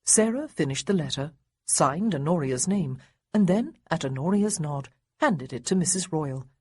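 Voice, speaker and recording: Audiobook narrator, woman, breathy and low, animated delivery. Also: moderate pace. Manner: expressive storytelling. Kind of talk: scripted narration.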